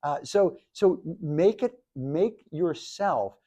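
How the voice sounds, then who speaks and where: A man in his seventies, a professor giving a lively, jokey classroom lecture to students, with many restarts. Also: on the high side, slow pace. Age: 70s. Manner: animated, jokey, talks to the audience, restarts often. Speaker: professor and speaker.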